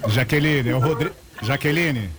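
A man's voice: medium pitch, normal speed, background noise. A man co-hosting a radio prank call, talking in a mock-indignant way, then joking and friendly.

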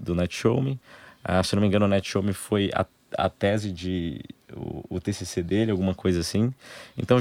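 A young adult man with a Brazilian Portuguese accent, a guest in a casual interview, explaining things in short, halting phrases. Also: low-pitched, a little mellow, no room sound. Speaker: interview guest, angel investor group member.

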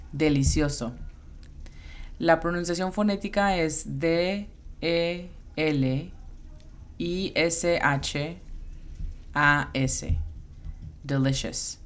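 A woman hosting a bilingual English-lesson podcast as the teacher, explaining words and spelling out their pronunciation slowly and carefully. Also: deep voice.

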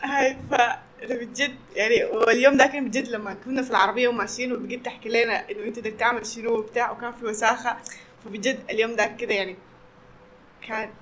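Very fast-talking Sudanese woman, fairly high voice. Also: steady tone, fairly bright tone, slight background noise. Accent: Sudanese Arabic. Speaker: employee and conversation partner. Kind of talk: casual conversation.

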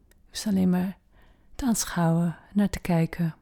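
A woman leading a guided meditation slowly and gently, with long pauses, in a soft voice that often turns to a breathy near-whisper. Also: fairly low pitch, steady tone.

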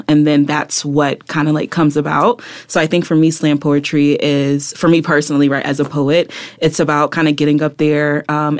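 A young woman poet talking casually as an interview guest, relaxed and full of "like" and "kinda" fillers. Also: deep voice. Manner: relaxed, many fillers like "kinda" and "like", laughs easily. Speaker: guest, poet and social worker.

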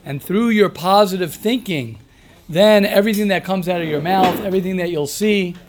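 A rabbi with a high-pitched voice teaches a daily class at normal speed, with background noise audible. In this informal religious lesson he reads aloud and comments emphatically, repeating phrases and posing rhetorical questions.

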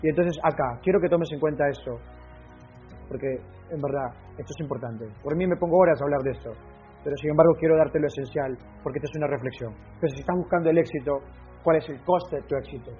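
A man's voice: fairly high pitch, quick pace, dark tone, muffled recording, soft background music. A man giving an impassioned motivational talk, repeating his key phrases for weight. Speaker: motivational speaker.

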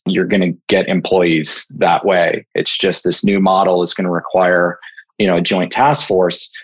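Husky and low-pitched, this man is being interviewed on a podcast, where he explains things casually as a product evangelist for staffing software. The audio is poor.

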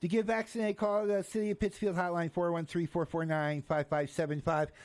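Joking New man, radio host, slightly high voice. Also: flat delivery, fairly quick, darkish tone. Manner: joking, rambling, with stumbling restarts. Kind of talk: casual live radio chat.

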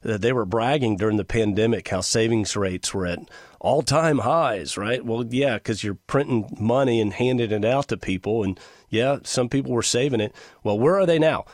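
A man's voice: medium pitch, moderate pace, dry recording, studio quality. A middle-aged man hosting a radio show, talking in an emphatic, conversational way with fillers. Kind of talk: talk radio monologue.

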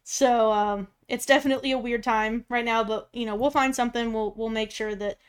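A woman's voice: a little high, fairly even intonation, a little fast, clear, resonant tone. A woman co-hosting a podcast, chatting casually with lots of fillers. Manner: filler-heavy, laughs often. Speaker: podcast co-host.

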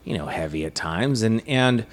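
A man hosting a casual podcast, chatting and reviewing a beer in a rambling, animated way. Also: lowish voice, moderate pace. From United States. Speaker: podcast host.

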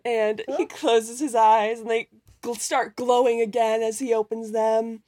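A woman's voice: on the high side, steady tone, unhurried, dark tone, dry recording. A playful, giggly woman improvising narration as game master of a tabletop role-playing game.

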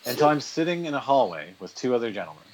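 A man guest on an interview podcast, telling animated stories in casual chat and quoting people in their voices. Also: medium pitch, fast, a little hiss or hum. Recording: dull lo-fi sound.

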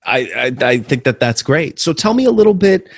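A man's voice: on the high side, sing-song, moderate pace, creaky, husky, dry recording, studio quality. A man with a northeastern American accent hosting a casual interview over a video call, enthusiastic, rambling and self-deprecating. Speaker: interview host.

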